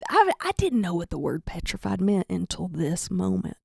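A woman's voice: on the low side, very animated, moderate pace, vocal fry, a little mellow, breathy edge, no echo, studio quality. A young woman, telling a comic story in a self-deprecating way and acting out the voices of the people in it. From rural American South. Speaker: comedian storyteller. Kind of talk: comedic storytelling.

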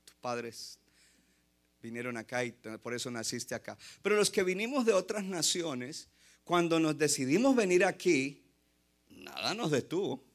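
A man delivers a passionate sermon from the pulpit, his voice sitting a little high for a man. He slips English phrases into his preaching. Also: big pitch swings, unhurried. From Colombia. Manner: impassioned, mixes in English phrases. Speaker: pastor.

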